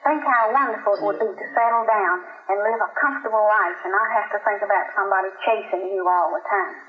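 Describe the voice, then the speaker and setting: An anxious old grandmother, earnest and pleading, her voice lifted a little higher, as a woman narrator reads her. The sound is dull and roomy. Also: fairly quick, close to an everyday voice.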